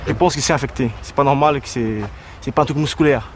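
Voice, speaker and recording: A man's voice: mid-range voice, quick pace. A man working as a military instructor, giving candid remarks in a hard, blunt, unsympathetic manner. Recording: very noisy outdoor field recording.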